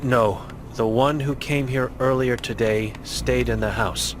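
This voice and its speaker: A man's voice: mid-range voice, fairly even intonation, unhurried, noisy background, natural voice. A man voicing an old blind mute woman in a game, grim and guilt-ridden, speaking in terse, broken phrases.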